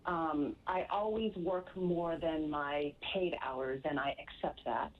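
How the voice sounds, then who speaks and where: Low-voiced woman in her forties on a phone line. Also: fairly even intonation, takes it slowly. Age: 40s. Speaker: caller. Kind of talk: call-in radio show.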